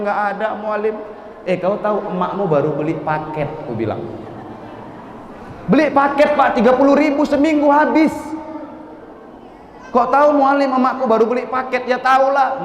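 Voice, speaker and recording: A man from preaching to a mosque crowd, telling stories in a lively way, talking straight to listeners and acting out quoted voices. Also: very high voice. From Medan, North Sumatra. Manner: lively, addresses the crowd directly, acts out quoted voices, chants letters sing-song. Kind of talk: storytelling sermon. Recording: echoey hall with faint background noise.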